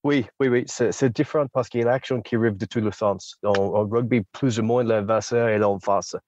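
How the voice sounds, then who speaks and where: Aussie guy, low voice, hesitant french, dull dry lo-fi sound. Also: steady tone, fairly quick, a little mellow, a little hiss or hum. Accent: Australian. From Australia. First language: English. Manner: hesitant, searching for French words. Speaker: guest. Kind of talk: casual interview chat.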